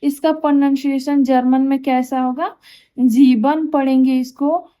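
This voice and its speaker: A woman's voice: sits high, fairly even intonation, unhurried, dark tone. A woman teaching German pronunciation, who patiently asks questions and answers them herself. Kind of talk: explaining pronunciation rules.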